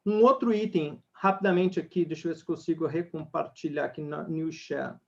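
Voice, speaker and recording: High-pitched guy hyping up a sales webinar, dull muffled call audio. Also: brisk, gravelly. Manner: energetic, talks straight to the audience. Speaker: sales trainer. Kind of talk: online webinar talk.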